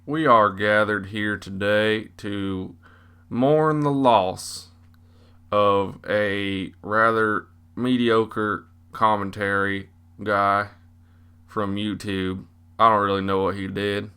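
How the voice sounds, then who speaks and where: A man voicing a mock-solemn Southern preacher man with a put-on Southern US accent, delivering a eulogy slowly and preachily. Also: on the low side, fairly even intonation, sharp tone, smooth, exaggerated voice. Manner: slow, drawn-out, preachy delivery.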